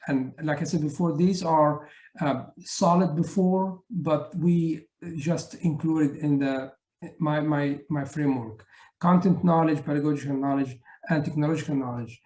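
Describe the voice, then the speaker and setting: A man's voice: fairly high pitch, a little mellow, roomy sound, poor audio. Man presenting with many fillers. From Egypt. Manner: hesitant, many fillers and restarts. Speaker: education researcher presenting his book chapter. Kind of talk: conference presentation.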